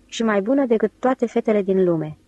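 A woman voicing a sly young male adventurer in an audiobook, smooth and quick to grow jealous. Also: medium pitch, expressive, dark tone, no echo, dull audio, lightly acted. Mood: tender. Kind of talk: audiobook character reading.

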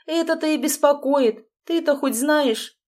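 A woman's voice: high voice, measured pace, darkish tone, pitched above the performer's own voice. A woman reading an audiobook, voicing a worried, insistent middle-aged mother who presses and reproaches. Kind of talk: audiobook dialogue.

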